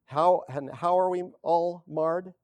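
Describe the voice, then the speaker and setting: Slow, halting man preaching. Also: fairly high pitch, a little mellow, no echo. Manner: halting, self-correcting, chuckles often. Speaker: pastor. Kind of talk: casual sermon.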